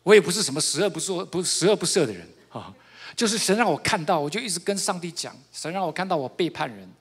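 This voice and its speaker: A middle-aged man sharing his testimony in a fairly high voice. He tells his story with animated energy and laughing asides, then drops to hushed, heartfelt confession. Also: quick pace, husky, big-room sound. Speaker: church member giving testimony. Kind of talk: personal testimony.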